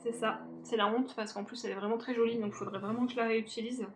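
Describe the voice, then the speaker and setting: Woman beauty vlogger, fairly high voice, chatty and self-mocking, faint background noise. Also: fairly even intonation, fast talker. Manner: chatty, self-mocking, talks to viewers directly. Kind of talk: casual makeup declutter chat.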